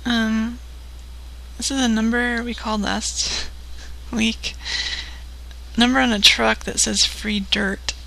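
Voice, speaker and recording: A woman's voice: on the high side, level tone, slow, creaky, sharp tone, rough recording. A woman hosting a late-night prank-call stream, chatting in a loose, unprepared way. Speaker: host. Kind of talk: casual late-night chat.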